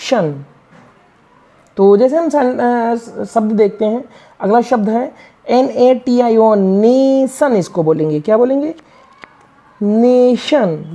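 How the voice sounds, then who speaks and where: A woman with a somewhat high, warm, mellow voice teaches English reading. She spells each word letter by letter and asks questions that she answers herself. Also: animated, slow, long pauses. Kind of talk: classroom-style reading lesson.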